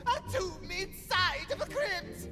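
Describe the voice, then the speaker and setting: A woman playing a theatrical undead villainess in a video game, with slow, grand menace. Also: very high voice, expressive, full character voice. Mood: gloating menace. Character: theatrical undead villainess serving a dark master. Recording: long cavernous reverb under loud game music.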